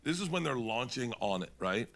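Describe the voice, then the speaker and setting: A comedian telling stories in casual podcast chat, rambling and animated, laughing and swearing as he goes. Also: medium pitch, fairly quick, slight background noise. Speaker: comedian guest.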